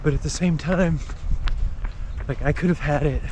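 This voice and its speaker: A man giving a casual update while jogging outdoors, speaking in short broken phrases with pauses. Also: a little high, a little mellow. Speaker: vlogger. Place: outdoors, on the move while running. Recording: noisy outdoor recording with ambient sound.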